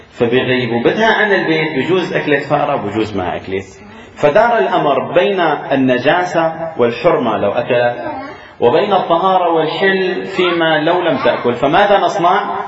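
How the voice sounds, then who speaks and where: A man teaching Islamic law. He lectures on a law text, explains each ruling step by step and repeats the key rulings. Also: on the high side. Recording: echoey dull room recording.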